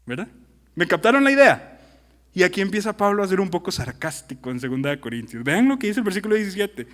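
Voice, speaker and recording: A pastor with a Costa Rican accent preaching a sermon, animated and full of rhetorical questions to his listeners. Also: high voice, quick pace. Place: church hall. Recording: long hall reverb.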